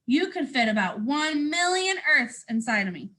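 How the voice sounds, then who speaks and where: A woman's voice: high-pitched, sing-song, moderate pace, pushed and bright, full character voice. A woman reading a children's picture book as a boastful, self-important, cheeky sun, with theatrical, emphatic delivery.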